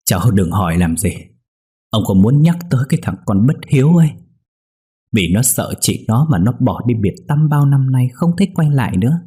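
A man with a low, husky voice playing a grave, sorrowful old man in a spoken horror story. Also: warm tone. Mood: somber. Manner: slow, heavy, somber.

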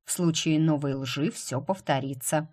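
A cool, self-assured nobleman from an audiobook speaks slowly with dry mockery, voiced by a woman reader in a low register. He never raises his voice. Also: a little mellow. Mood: calm. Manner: unhurried, dryly teasing. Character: calm, mocking aristocratic count, adult man.

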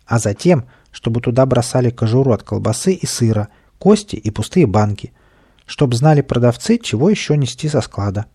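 A man's voice: mid-range voice, lively intonation, moderate pace, warm tone, breathy edge. A man voicing a tiny, scruffy, boastful and cowardly male creature in a storybook reading, with a bratty, whining manner. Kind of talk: storybook character voice.

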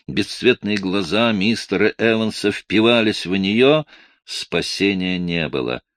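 A man with a very deep voice narrates an audiobook, his intonation rising and falling widely. The recording is close and dry, with no room sound. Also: lively intonation, unhurried, fairly bright tone, no room sound.

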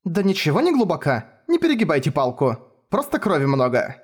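A man's voice: on the high side, huge pitch swings, brisk, voice pushed up, full character voice. A man voicing a blunt, grumpy young woman journalist with a sardonic manner. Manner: gruff, sardonic.

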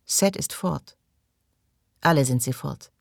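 A man's voice: a little high, takes it slowly, gravelly, dry recording, clean studio sound. A man reading the part of a distraught, lonely young woman in an audiobook, his voice raised and pleading. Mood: anxious, forlorn.

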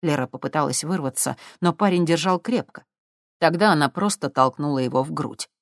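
An audiobook narrator reads in a steady, even storytelling manner at a middle pitch. The recording is close and dry, with no room sound. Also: a little fast, vocal fry, no echo.

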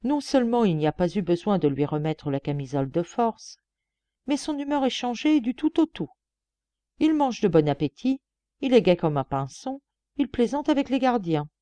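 A woman voicing an excitable, proud male prison director who protests with emphatic indignation. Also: mid-range voice, moderate pace, no room sound, voice pushed up, lightly acted. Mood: eager.

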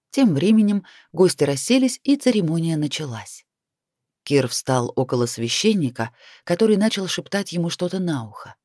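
A man steadily narrating a first-person fantasy audiobook in an even storytelling manner. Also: on the high side, no echo, clean studio sound.

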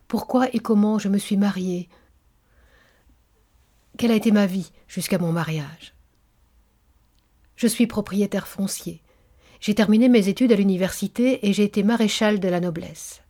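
A woman's voice: medium pitch, unhurried, long pauses, mellow, lightly acted. A woman reading the lines of a bitter, tormented middle-aged nobleman in an audiobook of a novel, speaking as an intense, brooding confession.

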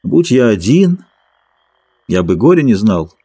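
A man voicing a tired, quiet male ranch worker who talks in a flat, low-key way in an audiobook reading. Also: brisk, soft background music. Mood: weary. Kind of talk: audiobook character voice.

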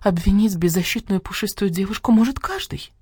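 A woman's voice: lively intonation, brisk, a little mellow, slightly rough, no room sound, studio quality. A woman voicing a coy, vain vixen in a storybook who plays helpless and whines. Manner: coy, whiny, shrill at times.

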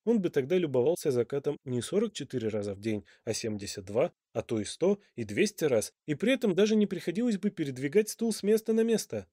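Male storybook narrator, lively dry voice. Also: on the high side, fast, hardly any pauses, no room sound. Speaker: audiobook narrator. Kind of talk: scripted narration.

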